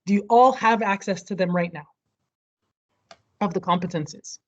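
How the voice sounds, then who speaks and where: A woman's voice: medium pitch, moderate pace. Woman leading an online study group. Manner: explaining, checking in with the group. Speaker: study session leader. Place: home near street fireworks. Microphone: video call. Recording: muffled video call audio.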